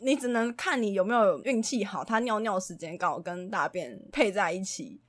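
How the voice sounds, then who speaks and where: A young woman, a preschool teacher, chatting casually as a podcast co-host and telling animated stories with frequent laughter. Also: mid-range voice, normal speed. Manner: animated storyteller, laughs often. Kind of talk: casual chat.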